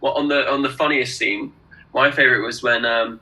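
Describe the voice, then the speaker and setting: A man on a film review panel chatting casually over a video call, emphatic and quick to repeat his praise. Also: medium pitch, fairly even intonation, sharp tone, rough recording. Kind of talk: casual roundtable chat.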